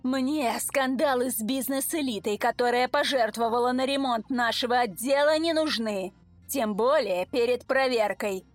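A woman's voice: a little high, normal speed, dry recording, faint music behind, close to an everyday voice. Woman doing a hissing nervous police colonel. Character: frightened middle-aged police colonel, man.

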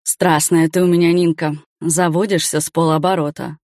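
A woman's voice: fairly low pitch, little pitch movement, normal speed, a little mellow, no echo, studio quality, close to an everyday voice. Woman voicing a bossy middle-aged man. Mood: offhand. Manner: curt, commanding.

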